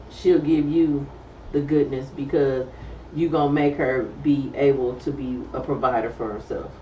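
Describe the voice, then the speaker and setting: A middle-aged woman speaks, candid and relaxed, full of fillers. She sits back from the microphone in a roomy space, and the recording is a little dull. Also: low voice, slight background noise. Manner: candid, loose conversational talk with many fillers. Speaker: podcast co-host. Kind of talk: casual chat. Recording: roomy, distant, slightly dull sound.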